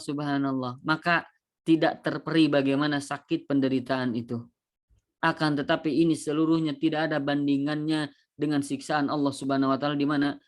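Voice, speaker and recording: A male preacher giving a sermon, speaking straight to his listeners. He sprinkles in pious exclamations and stops now and then to search for the next word with small fillers. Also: medium pitch. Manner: repeats religious exclamations and addresses the audience directly. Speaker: Islamic preacher.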